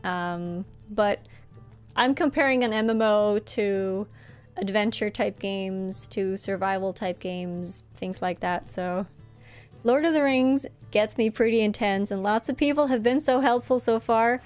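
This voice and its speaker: Faint music sits behind a young woman's clear, resonant, mid-range voice as she speaks unhurriedly. Norwegian is her first language; while streaming a game she chats casually and warmly with viewers, reading chat aloud and often laughing.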